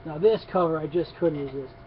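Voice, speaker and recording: A man with a fairly high voice talks briskly through his comic haul on camera, rambling casually with frequent fillers and restarts. He's a comics vlogger, and the sound is dull lo-fi with some faint noise.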